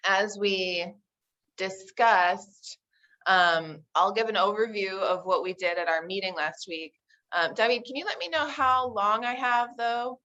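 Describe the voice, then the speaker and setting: A woman's voice: on the low side, pushed and bright, dull audio. A woman from the United States, an architect presenting on a video call, upbeat and enthusiastic with frequent ums. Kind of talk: online meeting presentation. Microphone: computer mic on video call.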